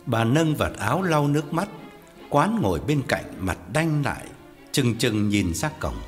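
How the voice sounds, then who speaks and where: A man narrates an audiobook story at a measured pace, his pitch moving in wide, lively swings. A long reverb trails his voice, and soft music plays underneath.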